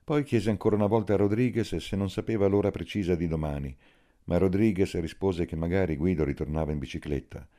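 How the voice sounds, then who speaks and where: A man narrating a literary audiobook in a slow, measured way. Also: low voice, dark tone.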